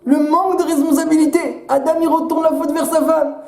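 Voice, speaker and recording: A man who is a rabbi, giving a Torah sermon with rhetorical questions and animated retellings of midrash. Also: extremely high pitch, fairly quick, creaky, roomy sound. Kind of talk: Torah sermon in French with Hebrew terms.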